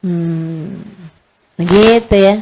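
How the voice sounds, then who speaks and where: A woman's voice: on the low side, very slow, a little mellow. A woman preaching an Islamic lecture, chatting with her audience and acting out the people in her stories. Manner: conversational, addresses audience as friends, acts out dialogue. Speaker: religious preacher.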